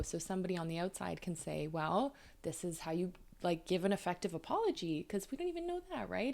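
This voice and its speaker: A woman's voice: lowish voice, creaky, warm tone. A Canadian woman in her thirties, a couples therapist, explaining her views thoughtfully with examples in a conversational interview.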